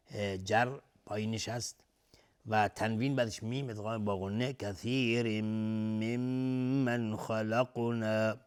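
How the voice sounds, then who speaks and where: A man teaching Quran recitation rules in Persian, chanting each verse slowly and then explaining the pronunciation rules quickly. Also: medium pitch. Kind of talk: Quranic recitation and tajweed lesson.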